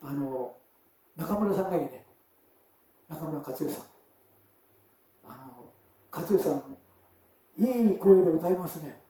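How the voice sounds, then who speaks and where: A man's voice: a little high, animated, takes it slowly, pauses often, mellow, distant mic. A man preaching a sermon in a church in a chatty, conversational way, often turning to the congregation with questions. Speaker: pastor. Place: church sanctuary. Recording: very echoey church hall.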